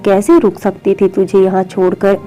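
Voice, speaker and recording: A woman voicing a loving mother who comforts and gently scolds her grown son. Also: medium pitch, little pitch movement, moderate pace, soft background music, lightly acted. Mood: pleading.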